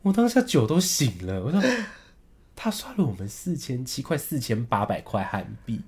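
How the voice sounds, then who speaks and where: A young man with a Taiwanese Mandarin accent, co-hosting a podcast and telling a story in a relaxed chat, acting out the lines of the people in it. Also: normal speed. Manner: animated storytelling, acts out quotes with big pitch jumps. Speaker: podcast co-host.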